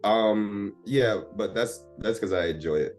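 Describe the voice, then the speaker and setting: In a casual therapy session, a guest client from Jamaica, a man in his thirties, talks about himself with candor and self-assurance. He speaks unhurriedly in a fairly low, darkish voice while faint music runs behind him.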